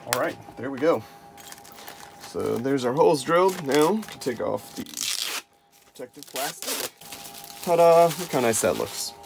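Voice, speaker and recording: In a cluttered home workshop, a man talks casually through his hands-on DIY build, thinking out loud as he goes. His mid-range voice is expressive, creaky and a little slow, with frequent pauses. The noisy camera recording has music in it.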